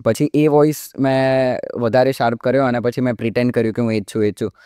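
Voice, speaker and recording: Smooth-voiced young man explaining casually. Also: medium pitch, fast talker, no room sound, clean studio sound. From India. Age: young adult, early 20s. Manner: relaxed explaining, often drops in English fillers like "like". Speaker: podcast guest, mimicry artist. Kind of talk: casual interview talk.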